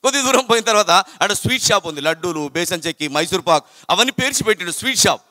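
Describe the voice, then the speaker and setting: A man giving an animated storytelling talk to students, repeating phrases and chanting verses. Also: sits high, fast, no room sound, clean studio sound. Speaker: motivational speaker to students.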